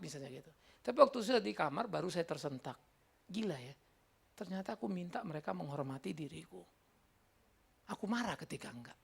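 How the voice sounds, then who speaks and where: A middle-aged man preaches a sermon with a heavy gravelly rasp and a husky edge. His pitch jumps high and drops low all the time. He delivers it in an animated, colloquial style and keeps breaking into asides. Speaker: pastor.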